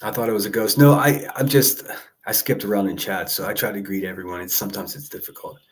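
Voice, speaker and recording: A man's voice: on the low side, steady tone, quick pace. A man hosting a live call-in show, chatting informally as he coaxes and greets listeners. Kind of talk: casual livestream chat. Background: background music.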